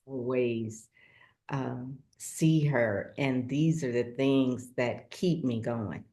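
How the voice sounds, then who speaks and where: A middle-aged woman co-hosting a heartfelt conversation, soft-spoken and hesitant, with many pauses. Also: very deep voice. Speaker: co-host.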